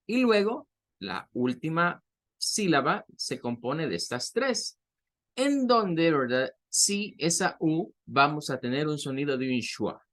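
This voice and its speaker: Slow-talking male English teacher. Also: on the high side, a bit bright. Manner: slow, drawn-out pronunciation drills with repeated words; fills pauses with "¿verdad?". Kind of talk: online English lesson.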